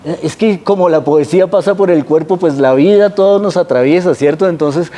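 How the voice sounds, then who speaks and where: A man's voice: on the high side, brisk, dark tone. A man from Colombia with a Bogotá accent, guiding students through a historic city map in a conversational way and often checking in with his listeners. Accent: Bogotá Spanish. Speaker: guide.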